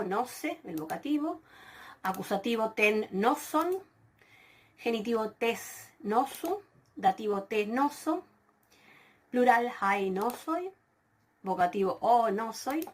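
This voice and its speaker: A woman teaching a recorded Greek grammar lesson, explaining patiently with many fillers and restarts, slowing down to spell out word forms. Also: medium pitch.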